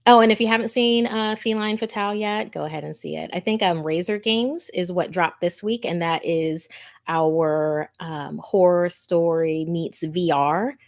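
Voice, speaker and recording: This scary story show host is a chatty woman with a lower voice, talking at normal speed. On her casual livestream she reads listener messages and stories aloud, informal and quick to laugh.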